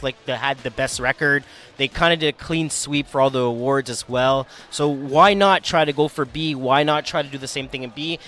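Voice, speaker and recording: Male sports commentator, medium pitch, conversational post-game analysis. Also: a bit bright.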